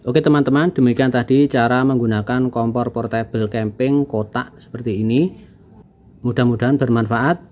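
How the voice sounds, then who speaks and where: A man calmly and patiently explaining, step by step, how to use a camping stove, recorded indoors with a camera mic above the table. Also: medium pitch, normal speed, muffled recording. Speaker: channel host demonstrating a camping stove. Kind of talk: casual how-to demonstration.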